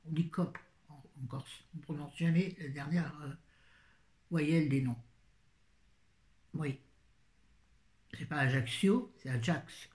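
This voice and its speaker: A woman's voice: low voice, slow pace, long pauses, darkish tone. A middle-aged woman chatting casually through a grocery haul, rambling with self-mocking asides. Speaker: vlogger. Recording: echoey room.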